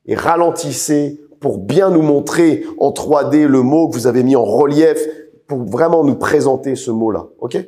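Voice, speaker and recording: A man leading a live speaking training, lively and direct, often repeating words and calling on trainees by name. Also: medium pitch, normal speed.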